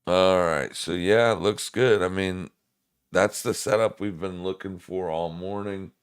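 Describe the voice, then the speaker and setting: A laid-back man hosts a live trading stream, his very deep, smoker-rough voice resonating cleanly as he speaks slowly and smoothly. His intonation stays fairly even while he drops slangy, casual remarks directly to his audience.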